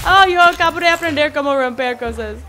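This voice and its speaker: High-pitched young woman playing a game. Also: brisk, pushed and bright. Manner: chatty, talks to game creatures, squeals and laughs when startled. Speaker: gaming video creator. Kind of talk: casual gameplay commentary. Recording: faint background game music.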